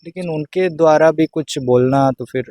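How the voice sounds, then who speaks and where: Male panelist, mid pitch, dry close sound, measured and halting explanations. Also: mellow, no room sound. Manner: hesitant, restarting, explanatory. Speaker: panel guest. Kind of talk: discussion commentary.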